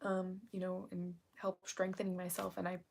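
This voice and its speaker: Quiet woman with heavy vocal fry. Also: on the low side, completely flat delivery, normal speed. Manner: keeping her voice kept down and quiet. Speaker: live stream host. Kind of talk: casual livestream chat, reading aloud and answering viewers.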